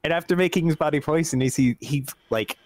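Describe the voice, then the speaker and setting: A man's voice: a little high, quick pace. A man co-hosting a podcast, casually recapping a movie with some hesitant, chuckling remarks. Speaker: podcast co-host.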